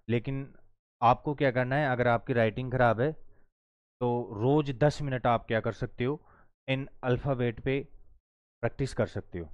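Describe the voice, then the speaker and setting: A man gives an online English lesson in Hindi, with a smooth, clear voice recorded close and dry. He explains step by step and repeats words slowly as he writes them out. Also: mid-range voice, no room sound, muffled recording. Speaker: English teacher.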